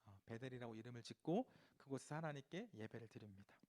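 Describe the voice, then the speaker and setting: A man preaching to youth, retelling a story in an animated, conversational way with many rhetorical questions. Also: mid-range voice, quick pace. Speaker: youth pastor.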